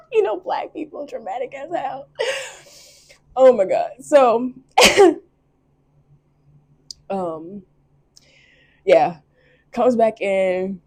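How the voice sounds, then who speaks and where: A woman's voice: a little high, dark tone, husky. A young woman who reads tarot, talking casually and expressively and laughing often. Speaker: tarot reader. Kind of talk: casual chat.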